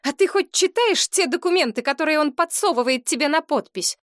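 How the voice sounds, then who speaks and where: A woman's voice: high-pitched, expressive, a little fast, no echo, clean studio sound, pitched above the performer's own voice. A woman voicing a grave, suspicious adult daughter who speaks grimly and questions pointedly in an audiobook. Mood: probing. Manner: grim and probing. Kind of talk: audiobook character reading.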